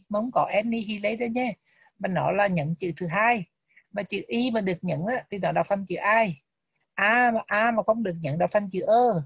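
A woman leads a lesson on a Buddhist text, spelling out English terms and repeating them slowly and deliberately. Her voice sits at a middle pitch. The recording is muffled and lo-fi, with a dry sound and no room echo. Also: breathy edge. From Vietnam. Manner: slow, deliberate word-by-word pronunciation drills. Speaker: Abhidhamma teacher.

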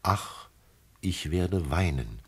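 A man voicing a wise, gentle male fox with a husky voice, speaking in a lively, heartfelt way in a classic radio play. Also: sits low, drawn-out words, heavily acted. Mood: wistful. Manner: lively, pleading, heartfelt delivery.

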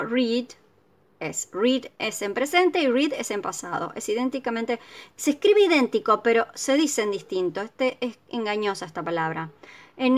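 A woman teaching a recorded video lesson, her voice sitting a little high. She explains step by step at an unhurried, patient pace, pausing often to ask whether her students follow. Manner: patient, explanatory, keeps checking with "¿sí?". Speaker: English teacher.

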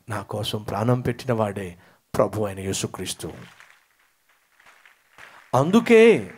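Animated male preacher. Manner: animated, acts out dialogue with rising emphatic pitch. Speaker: pastor. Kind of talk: sermon with storytelling.

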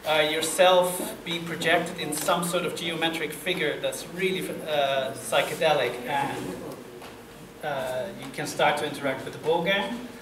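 A man's voice: a little high, a little slow. A young man hosting a live interview, casual and full of fillers. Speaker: host. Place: room with a table, audience. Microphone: table mic on stand. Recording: echoey room, noisy, far from mic.

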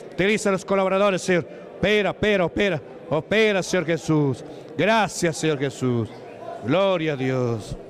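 A high-pitched man from Peru, speaking with a Peruvian Spanish accent, preaches at a church deliverance service. He shouts commands and chants praises over and over.

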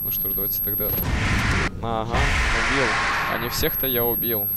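A man giving casual gameplay commentary, muttering to himself in mildly crude slang. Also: normal speed. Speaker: let's-play gamer. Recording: game music and rumble behind voice. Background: loud game music and sound effects.

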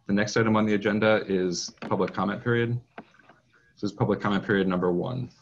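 A man serving as school board president, chairing a formal meeting over a video call in a procedural, measured way with frequent fillers. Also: on the low side, fairly even intonation, creaky, slight background noise. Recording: muffled video call audio.

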